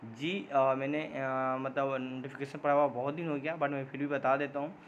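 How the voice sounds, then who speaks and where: A man's voice: medium pitch, level tone, muffled recording, slight background noise. Rambling man answering viewer comments. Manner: rambling, many filler sounds and restarts, mixes English words into Hindi; admits he sometimes talks too fast. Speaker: job-update channel host.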